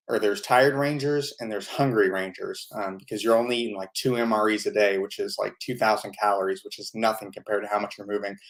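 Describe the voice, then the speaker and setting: Easygoing man in his thirties, lowish voice. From United States. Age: 30s. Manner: easygoing storytelling with frequent fillers. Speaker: channel host answering viewer questions. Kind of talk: casual live-stream Q&A.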